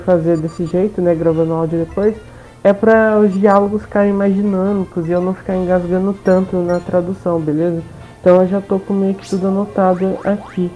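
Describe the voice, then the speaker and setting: Her voice fairly low in pitch and dark in tone, a woman with a Brazilian accent hosts a gaming video. She delivers a casual let's play recap as voice-over, often checking in with listeners, in dull lo-fi audio.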